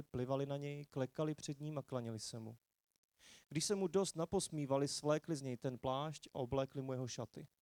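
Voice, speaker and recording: A man reading a long scripture passage aloud in a church service, measured and expressive, lifting his voice for quoted speech. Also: medium pitch, no echo. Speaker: preacher. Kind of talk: Bible reading in a sermon. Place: church hall.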